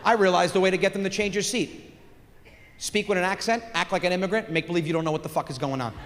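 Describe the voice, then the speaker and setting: A man's voice: high voice, fast, a bit bright, slight background noise. A young man doing a brash, profane stand-up set on stage into a handheld mic. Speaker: stand-up comedian. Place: comedy stage in a theater. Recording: live hall reverb, faint crowd.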